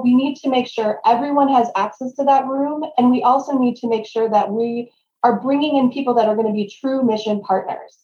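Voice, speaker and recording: A woman's voice: on the high side, dark tone. A woman speaking as a consultant guest in a conversational podcast interview, on a roomy, slightly dull recording.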